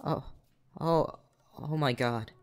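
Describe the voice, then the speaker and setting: Shy teenage girl voiced by a man through a voice changer, slow and halting, stammering through every reply. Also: on the high side, smooth, faint music behind. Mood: nervous. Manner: hesitant and stammering, with many ums and uhs. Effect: voice changer making a man sound like a girl. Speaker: online creator posing as a girl to catch a predator.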